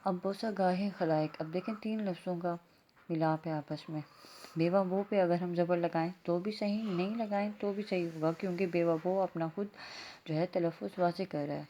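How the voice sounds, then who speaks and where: A Pakistani woman teacher gives a classroom lesson in a methodical way, spelling words out mark by mark. Her voice sits on the low side and sounds mellow and soft-edged. A faint hiss runs under it. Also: steady tone. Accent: Pakistani Urdu. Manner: methodical, spells out vowel marks letter by letter. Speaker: school teacher. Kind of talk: classroom lesson, answering exercise questions.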